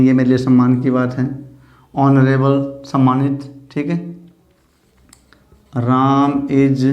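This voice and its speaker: Slow-talking man teaching grammar. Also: medium pitch, a little mellow. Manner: explains in Hindi, reads English examples slowly, asks and answers his own questions. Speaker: English teacher. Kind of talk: classroom grammar lesson. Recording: echoey room.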